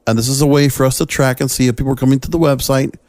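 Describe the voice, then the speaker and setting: A male podcast host talks solo, offering opinionated commentary in a conversational, emphatic style and speaking straight to his listeners. His mid-range voice is steady and a little mellow, delivered rapid-fire, with studio-quality sound and no echo.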